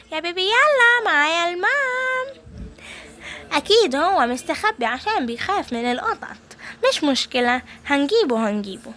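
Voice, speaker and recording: Casting: woman playing a scheming game granny, Egyptian accent, high teasing voice, chats to viewers. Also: pushed and bright, a little hiss or hum. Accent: Egyptian Arabic. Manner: sing-song, teasing, addresses viewers directly. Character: wicked old granny villain, scheming but claiming kindness. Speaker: gaming YouTuber. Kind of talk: playful game role-play narration.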